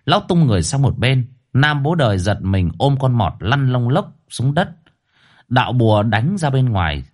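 Animated male storyteller. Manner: animated, swinging pitch for drama. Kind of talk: dramatic horror story narration.

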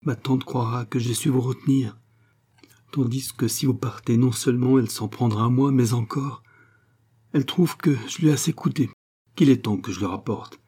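A man's voice: mid-range voice, moderate pace, mellow, slightly rough, close to an everyday voice. A man voicing a distressed young servant girl who pleads through tears, read in a short story. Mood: pleading.

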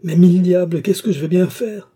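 A stout, panicky middle-aged man who gasps and splutters his words, pitched higher than the reader's own dark voice, as a male narrator puts him on. He sounds flustered and pleading, with a husky edge left over from the storyteller's tone. It fits a read-aloud storybook. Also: unhurried. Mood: furious.

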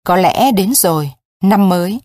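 A woman reading the part of a lonely young woman who speaks quietly, near a whisper. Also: medium pitch, animated, unhurried, no room sound, clean studio sound, lightly acted. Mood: tearful.

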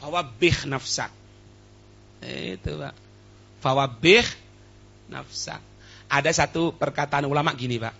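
A man's voice: on the high side, moderate pace, bright, forceful tone, breathy edge. A man preaching a sermon, quoting Arabic lines, translating them and asking his listeners questions. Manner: quotes Arabic then translates, asks the audience questions. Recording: dull lo-fi recording.

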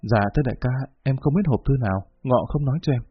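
A man's voice: medium pitch, quick pace, slightly rough, no room sound, close to an everyday voice. A man voicing a timid young man who talks in a flustered, deferential way, on a dull lo-fi recording. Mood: pleading. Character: timid young man, humble before his boss.

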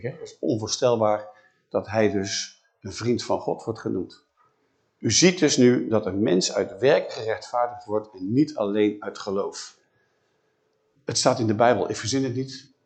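Man preaching with lively storytelling. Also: fairly low pitch. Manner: lively storytelling, acts out biblical dialogue in a casual voice. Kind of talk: sermon.

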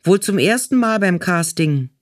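A man's voice: sits high, lively intonation, measured pace, dry recording, studio quality, voice pushed up. A man doing a bossy, impatient female casting manager. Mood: scornful. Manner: snapping, barking orders. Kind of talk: audiobook character voice.

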